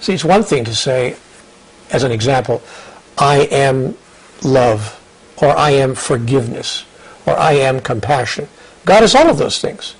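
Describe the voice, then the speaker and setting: A man's voice: medium pitch, measured pace, long pauses, slight background noise, low-quality recording. An older man guest in an interview, telling his story and ideas earnestly, often repeating and restarting words. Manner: earnest, repeats words and restarts, quotes others in lively asides. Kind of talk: reflective conversational storytelling.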